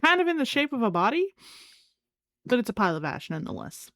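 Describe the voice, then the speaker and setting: A woman's voice: fairly high pitch, sing-song, fast, a bit bright, no room sound. A woman running a tabletop game as game master, narrating in a casual, loose way. Her voice sits close and dry on the mic with no room sound.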